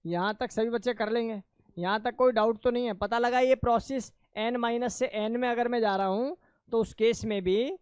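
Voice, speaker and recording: A man's voice: very high voice, normal speed, darkish tone, smooth, dry recording. A male chemistry teacher lecturing in a classroom. He keeps asking his students questions, answers them himself, and calls them "beta".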